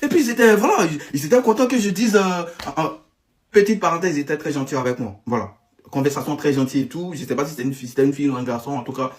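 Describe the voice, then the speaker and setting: A man giving casual spoken commentary, animated and stammering, often repeating himself. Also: a little high, fast talker. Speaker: online commentator.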